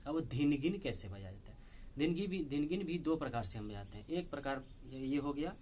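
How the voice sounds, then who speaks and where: A man teaching tabla step by step, explaining slowly and patiently and saying the drum syllables aloud between strokes. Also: mid-range voice, expressive, a little hiss or hum. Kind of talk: step-by-step music lesson. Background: loud tabla playing.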